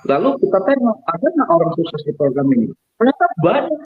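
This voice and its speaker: A man's voice: on the high side, a little fast, husky, dry recording. A man on a remote call, telling a personal story with plenty of chuckles, his audio breaking up and cutting out. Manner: animated storyteller, chuckles often. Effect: choppy, breaking-up call audio. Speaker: guest. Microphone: remote call, phone or laptop. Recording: tinny phone-like call line.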